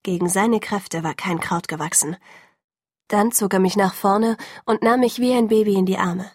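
Woman reading an audiobook, calm and measured, husky, dry close sound. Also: mid-range voice, no echo. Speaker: audiobook narrator. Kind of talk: scripted first-person narration.

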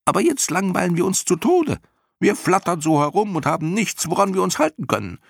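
A man's voice: big pitch swings, fairly quick, creaky, husky, dry recording, studio quality, full character voice. A man voicing a screeching mob of mocking clown creatures in an audiobook. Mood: shrill, mocking. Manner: shrill, shrieking chorus, frantic and mocking. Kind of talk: audiobook character voice.

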